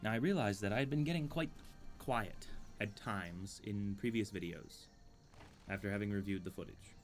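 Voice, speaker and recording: A man's voice: on the low side, normal speed, faint music behind. A man casually commenting on his gameplay, musing and dryly amused, talking to himself at a desk microphone he sometimes leans away from. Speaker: streamer playing a game. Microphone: desk microphone, leans away at times.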